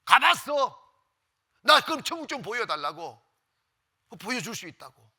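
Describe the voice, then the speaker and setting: A loud, taunting male soldier, as a preacher puts him on in a sermon story, with a raised, bright, sharp voice that jeers and swings widely in pitch. Every line is a scornful challenge. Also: expressive, fast, husky, full character voice. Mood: mocking. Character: mocking male communist soldier, jeering.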